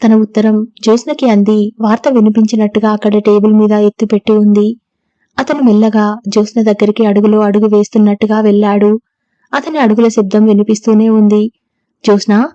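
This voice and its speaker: A woman narrating a novel in a steady, even storytelling manner. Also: mid-range voice, brisk, no echo, lo-fi sound. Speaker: audiobook narrator.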